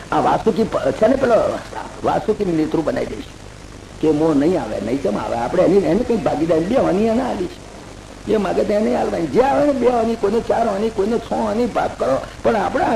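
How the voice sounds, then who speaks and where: A man giving a religious discourse as a lively folk story, acting out the characters' lines. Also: high voice, vocal fry, reverberant, a little hiss or hum, low-quality recording. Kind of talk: Bhagavata discourse retold in folksy everyday terms.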